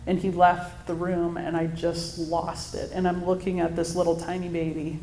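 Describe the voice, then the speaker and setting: Woman in her thirties, low-ish voice, warm storytelling talk, echoey hall with faint room noise. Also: flat delivery, moderate pace. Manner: earnest, storytelling, laughs now and then. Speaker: speaker at a mother-daughter church event. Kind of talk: personal faith talk to an audience.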